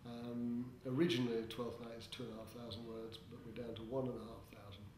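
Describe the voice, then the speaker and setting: An older man answering interview questions as a theatre director, in a hesitant, halting way with droll, tongue-in-cheek humour. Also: mid-range voice, level tone, darkish tone. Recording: echoey room with background noise.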